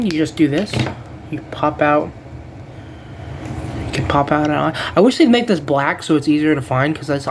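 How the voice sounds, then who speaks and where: Rambling, laid-back figure reviewer at a middling pitch, loses track of names and swears offhandedly. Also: background noise. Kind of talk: casual unboxing review.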